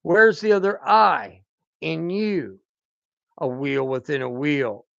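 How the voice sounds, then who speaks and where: A man's voice: fairly high pitch, slow, creaky, a bit bright, no room sound. A man rambling through a spiritual monologue as a channel host, often asking "hmm?" to his listeners. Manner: rambling, repeated prompts of "hmm?". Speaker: channel host, self-styled teacher. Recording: dull lo-fi dry recording.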